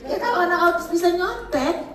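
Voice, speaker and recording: A middle-aged woman, giving a lively church workshop talk. She is chatty and joking, laughs often and mixes in English phrases. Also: very high-pitched, fairly quick, crowd noise. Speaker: seminar speaker. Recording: echoey hall, mic at a distance, faint background noise.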